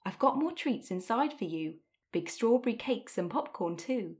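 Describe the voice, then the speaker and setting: A woman's voice: fairly high pitch, animated, normal speed, darkish tone, lightly acted. A woman voicing a sly old witch in a read-aloud storybook, sweet-talking and coaxing. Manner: sugary, coaxing.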